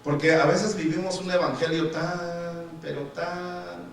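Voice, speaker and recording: Guy preaching, high pitched voice, keeps saying brother, heard from far back in a really echoey church. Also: steady tone, measured pace, vocal fry, a little hiss or hum. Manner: addresses listeners as brother, acts out complainers. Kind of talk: sermon. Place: church hall.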